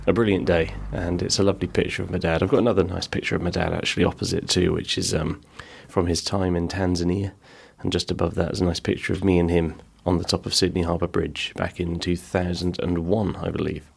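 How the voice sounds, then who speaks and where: Speaking fairly quickly with few pauses, this middle-aged podcast host has a low, level, creaky and slightly rough voice. He rambles through a casual chat full of self-deprecating humor from the little pub he built in his backyard outbuilding.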